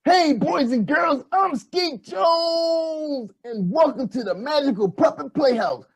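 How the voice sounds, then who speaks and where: A man voicing an excitable boyish puppet who hosts a kids' show like an overbright party host, with a husky voice and hyped, exclamatory delivery. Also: very high voice, takes it slowly, exaggerated voice. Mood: overbright, excited. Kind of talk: children's puppet show presenting.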